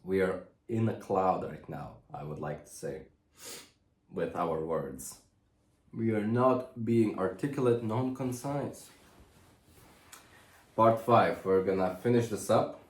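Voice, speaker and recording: A man talking through his drawing work in a rambling way, now and then yelling toward a camera set far away. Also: sits low, slow, long pauses. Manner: musing, trails off, then loud mock drill-sergeant yelling. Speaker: artist narrating his drawing process. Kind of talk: rambling studio commentary. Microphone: far camera mic. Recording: echoey room from far off.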